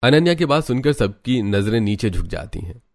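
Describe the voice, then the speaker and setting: A man narrating a cartoon story in an even storytelling manner. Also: mid-range voice, normal speed.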